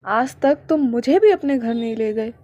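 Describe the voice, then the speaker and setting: A woman's voice: a little high, expressive, normal speed, dark tone, dry recording, muffled recording. A woman storyteller voicing a teasing young male soldier, chatty and full of praise for his friend.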